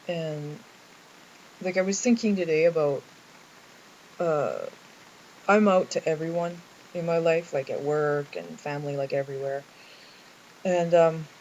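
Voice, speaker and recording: A man's voice: on the high side, darkish tone. Hesitant young man with Canadian accent. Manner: hesitant, thinking aloud with many ums and likes. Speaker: vlogger. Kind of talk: casual talking-to-camera video diary. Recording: muffled lo-fi recording with faint hiss.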